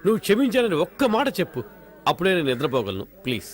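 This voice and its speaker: An actor playing an excitable middle-aged father in a comic film scene, scolding and pleading in frantic repetitions. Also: fairly high pitch, very fast.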